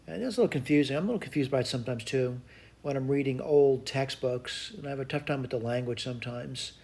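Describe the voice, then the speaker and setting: A man's voice: mid-range voice, fast talker, a little mellow. A man giving an informal math lesson, thinking aloud hesitantly as he works through each step and repeats it. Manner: hesitant, self-talking, repeats and spells out steps. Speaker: math tutor. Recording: clear background noise.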